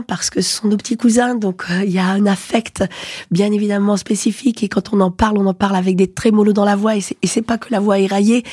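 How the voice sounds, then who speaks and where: A woman in her forties, an executive in luxury watch retail, answering interview questions in a measured way, with hesitations, self-corrections and a voice that sometimes cracks. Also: medium pitch, mellow, husky, no echo, studio quality. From Ukrainian roots. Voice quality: voice occasionally cracking.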